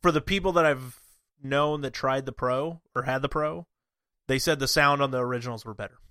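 A man's voice: mid-range voice, a little fast, pushed and bright, no echo, studio quality. A man co-hosting a podcast, chatting easygoing about tech gear. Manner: easygoing, nerdy tech talk. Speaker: podcast co-host. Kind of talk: casual chat.

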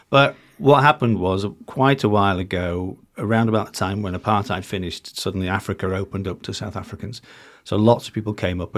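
A man, a safari company founder, chatting as a podcast guest and telling anecdotes in a relaxed, self-deprecating way with frequent restarts. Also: on the low side. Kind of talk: conversational podcast interview.

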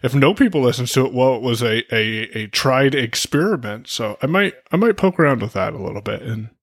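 A man co-hosting a casual tech podcast, chatty and quick to laugh. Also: medium pitch, lively intonation, dry recording, studio quality. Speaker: podcast co-host. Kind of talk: casual chat.

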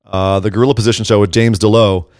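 Excitable man chatting about wrestling. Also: lowish voice, quick pace, dry recording, studio quality. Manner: animated, excitable, breaks into laughs. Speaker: podcast co-host. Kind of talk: casual wrestling chat.

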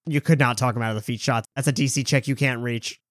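Man, game master, casual narration, even mid pitch, close dry mic. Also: no echo. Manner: relaxed, conversational narration with quick voiced asides.

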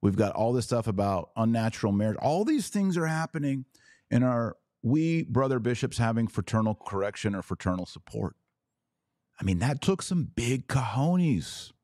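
This podcast host has a mid-range, expressive voice, warm in tone and at a normal speed, recorded clean in a studio with no echo. He delivers impassioned religious commentary to camera, stressing points with rhetorical questions and repeated phrases.

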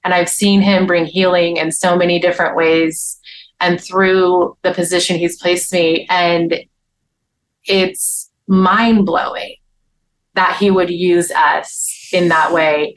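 Woman guest, author and speaker, earnest and lively, slightly lower voice. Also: slow, a little hiss or hum, rough recording. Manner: earnest, animated, with frequent restarts. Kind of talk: casual faith interview.

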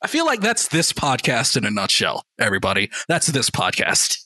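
A man's voice: mid-range voice, moderate pace, no echo. A man co-hosting a podcast in casual, enthusiastic chat, often repeating words as he talks. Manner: enthusiastic, animated, with repetitions. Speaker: podcast co-host.

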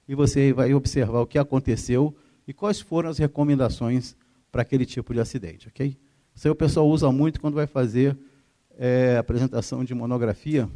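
A man's voice: mid-range voice, mellow. A middle-aged man, an air force colonel giving a flight-safety lecture, telling stories with acted-out dialogue and often adding "ok?" to his sentences. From Rio de Janeiro. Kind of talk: lecture with anecdotes. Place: university theater.

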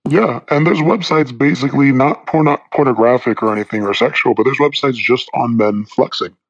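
A man's voice: medium pitch, fairly quick, slightly rough, no room sound. A man speaking as a podcast guest with his voice disguised for anonymity, talking frankly and plainly. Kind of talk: casual chat. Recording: dull lo-fi dry sound.

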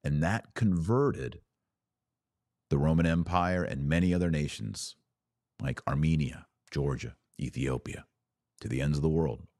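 Speaking slightly slowly in a rumbling low, somewhat mellow voice, this American man hosts a podcast of religious commentary that falls between preaching and live-stream chat. He's earnest and emphatic, stacking up lists one phrase at a time, and the studio-quality sound has no echo.

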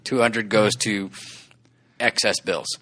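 Slow and steady, with a low, sharp-toned voice, a man in his forties talks as a podcast co-host. He's earnest and casual, tends to ramble and restart, and laughs often.

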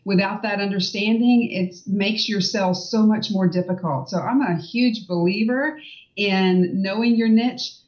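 A woman's voice: mid-range voice, measured pace, a little mellow. Brief: woman guest coach, confident and explanatory, heard from a distance on dull audio. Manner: confident, explanatory, frequent "you know" and "right?". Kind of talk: casual interview chat.

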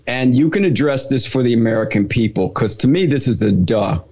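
A man hosting a talk show, asking questions in an animated, incredulous way. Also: mid-range voice, brisk, highs cut off. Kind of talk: conversational interview.

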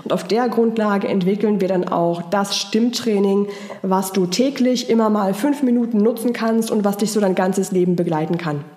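A woman's voice: mid-range voice, normal speed, dark tone, echoey room. A woman voice and charisma trainer, coaching live and answering viewer comments in an encouraging, patient way. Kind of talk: live-stream coaching talk.

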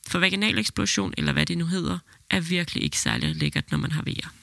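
A woman who is a midwife and podcast host, reading a birth story aloud in an even, steady way and then talking it over. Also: deep voice, gravelly, no echo.

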